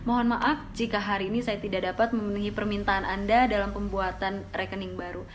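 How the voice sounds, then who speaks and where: A woman's voice: medium pitch, flat delivery, a little fast, noisy background, natural voice. A woman playing a patient bank officer in a role-play, with a formal, apologetic customer service voice. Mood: apologetic, firm.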